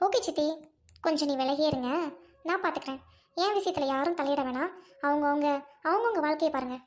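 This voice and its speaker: A woman's voice: high-pitched, brisk, soft background music. A woman playing a defiant young married woman who fiercely accuses her uncle in an amateur drama skit.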